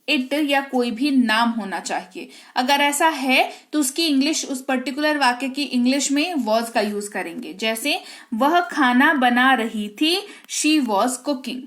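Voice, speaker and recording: A woman teaching English grammar in Hindi. She explains each rule, reads the English example sentences slowly and clearly, and keeps checking in with her students. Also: high-pitched, a bit bright. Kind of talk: Hindi-medium grammar lesson.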